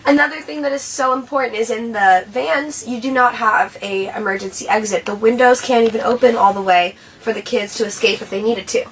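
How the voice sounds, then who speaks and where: Woman doing a training video walkthrough, highish voice, explaining stuff to camera, kinda distant mic w/ background noise. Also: brisk, hardly any pauses. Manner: instructional, explaining and demonstrating to viewers. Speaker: presenter of a school bus safety video. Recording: distant mic, clearly noisy ambience.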